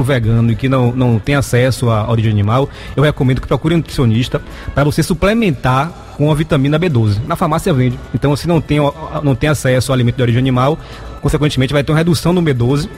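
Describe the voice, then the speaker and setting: A man's voice: medium pitch, a little mellow. Brazilian guy doing health advice on radio, teachery, music behind him, roomy echo. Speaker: health expert guest on a radio phone-in. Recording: echoey room, music behind.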